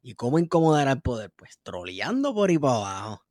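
A man's voice: medium pitch, big pitch swings, fairly quick, darkish tone, dry recording, clean studio sound. A man with a Puerto Rican accent co-hosting a casual political chat, joking and laughing often with slangy banter. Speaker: podcast co-host.

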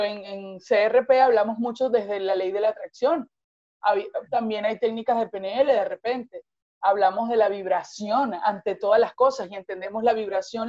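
A woman speaking as a guest life coach in a podcast conversation, explaining at length in an expansive, animated way with acted-out examples. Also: fairly high pitch, dull audio.

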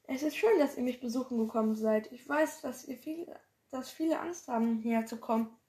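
A kind, lonely old widow speaks from a storybook in a friendly, gentle tone, put on by a woman reading aloud. The voice sits high and bright. A roomy echo hangs around it. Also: fairly quick, lightly acted.

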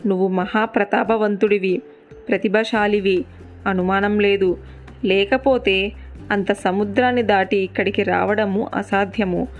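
A woman's voice: mid-range voice, fairly even intonation, measured pace, muffled recording, soft background music, close to an everyday voice. A woman narrator voicing a grieving captive queen, devoted and resolute, in a sorrowful yet firm way.

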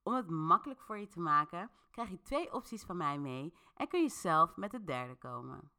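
Her voice is fairly low, clear, and resonant, moving at normal speed. As a podcast host, she narrates an interactive story with a loose, conversational feel, speaking straight to her audience.

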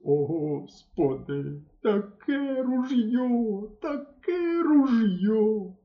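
A man voicing a fussy, clumsy middle-aged hunter who drawls slowly and stretches out his words. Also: on the low side, highs cut off, pitched below the performer's own voice. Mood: wailing.

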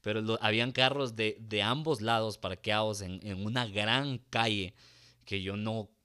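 Man, lowish voice, profane comic storytelling, self-mocking. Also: fairly even intonation, measured pace, clean tone. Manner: crude, profane, self-mocking, acts out shouts. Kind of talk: comic personal anecdote.

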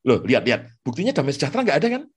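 A man's voice: mid-range voice, huge pitch swings, racing, breathy edge, pitched below the performer's own voice, full character voice. A man voicing a sneering male devil who taunts and accuses in mocking questions. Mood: taunting.

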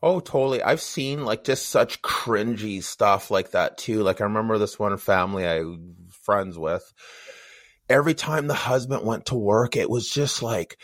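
Chatty low-voiced man, dry close sound. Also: normal speed, no room sound. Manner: chatty, animated storytelling with lots of "like". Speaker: podcast host. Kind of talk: casual podcast chat.

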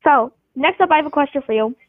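A woman hosts an improvised question game in a rambling, giggly way, restarting her sentences often. Her voice sits very high. The sound is dry and thin, like a phone line. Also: animated, fast, no room sound. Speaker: game host posing scenarios. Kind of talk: casual chat.

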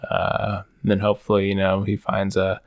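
A man with a deep, flat voice talks casually on a podcast. His delivery is measured and even, recorded dry and close. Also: no echo. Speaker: podcast co-host.

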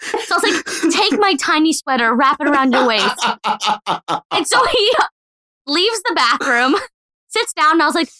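A young adult woman co-hosting a podcast, telling a story in an animated casual chat, full of "like" and acted-out quotes. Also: sits high, normal speed, long pauses. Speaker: podcast co-host.

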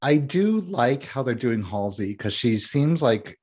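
A man's voice: medium pitch, sing-song, a little slow, a little mellow, breathy edge. A man co-hosting a podcast in casual chat, giving blunt, candid opinions. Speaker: podcast co-host.

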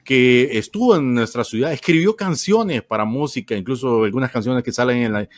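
A medium-pitched man with a Honduran Spanish accent rambles through a casual panel discussion. The studio sound is dry with no echo, and his speech is halting, full of "eh" and restarts.

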